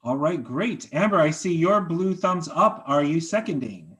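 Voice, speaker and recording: This man's voice sits on the high side, slightly raised and fairly bright, and he sounds very animated as he chairs a members' meeting by video call. He works through motions and votes briskly and politely, thanking every speaker.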